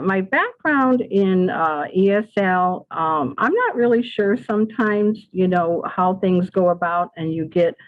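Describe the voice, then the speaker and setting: A woman from Southern California in her sixties, an ESL teacher presenting on a video call, hesitant with many fillers and restarts. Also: fairly low pitch. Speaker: adult school ESL teacher presenting a webinar. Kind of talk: casual spoken presentation over video call. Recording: tinny phone-like audio.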